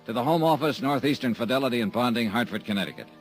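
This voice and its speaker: An actor playing a tough, wisecracking insurance investigator, with dry, sardonic narration and dialogue in a 1950s radio drama. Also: male voice, mid-range voice, expressive, rapid-fire, faint music behind, close to an everyday voice.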